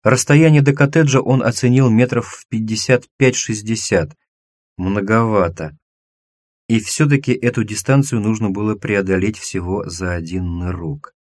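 A man narrating a science-fiction audiobook in a measured, expressive reading. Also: lowish voice, no room sound. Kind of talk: scripted narration.

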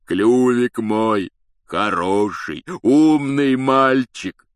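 A man voicing a gruff, tender-hearted male groundskeeper who speaks haltingly in an audiobook reading. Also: low voice, no room sound, studio quality, exaggerated voice. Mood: wailing. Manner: hesitant, halting, sobbing shouts.

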